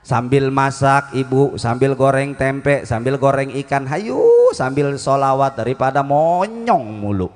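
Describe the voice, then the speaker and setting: A man's voice: medium pitch, measured pace, in a large hall. A man giving a comic sermon, playful, singing short chants and mimicking housewives. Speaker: preacher.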